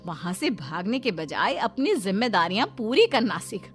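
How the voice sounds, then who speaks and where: A woman's voice: medium pitch, very animated, moderate pace, faint music behind, natural voice. A woman voicing a stern middle-aged mother who lectures her daughter firmly in a cartoon story. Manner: firm, lecturing.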